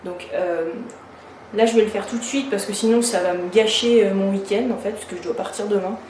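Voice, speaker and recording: A woman's voice: medium pitch, fairly even intonation, fairly quick, a little mellow, a little hiss or hum. A woman renovating her own bathroom talks casually to the camera, venting her annoyance with lots of fillers and restarts. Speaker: DIY renovation vlogger. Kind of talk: casual vlog talk. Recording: echoey room.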